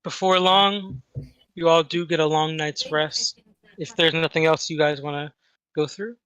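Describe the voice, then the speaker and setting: A man's voice: on the high side, level tone, unhurried, fairly bright tone, smooth, dry recording. A man running a tabletop game as game master, narrating scenes in an improvised way.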